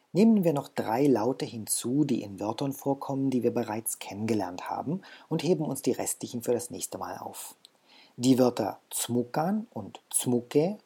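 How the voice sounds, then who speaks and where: Guy teaching a language class, soft mellow voice, bit husky, patient and clear. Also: medium pitch. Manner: patient, instructive, repeats example words. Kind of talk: explaining a language lesson.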